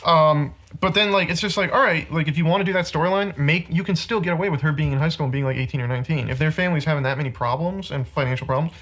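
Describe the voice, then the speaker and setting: A man's voice: fairly high pitch, racing, hardly any pauses, fairly bright tone. A man hosting a podcast, ranting through a film critique in casual chat with lots of "like". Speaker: podcast host.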